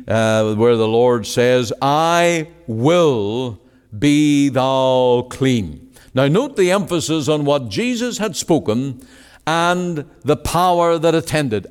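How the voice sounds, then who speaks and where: A man preaching an evening gospel sermon in a church meeting, emphatic, rising to exclamations and then dropping low. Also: darkish tone. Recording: long reverb of a large hall.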